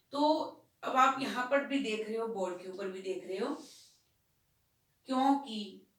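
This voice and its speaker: A woman's voice: medium pitch, a bit bright. A woman teaching a school Hindi lesson, explaining patiently and asking questions that she answers herself. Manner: slow, patient, asks and answers her own questions. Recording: echoey room, voice from a distance.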